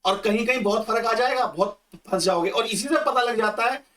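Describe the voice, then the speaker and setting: A man with an Indian accent teaching German grammar, patiently repeating and reading example sentences slowly. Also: high-pitched, fairly bright tone, recorded from a distance. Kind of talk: slow explanatory grammar lesson.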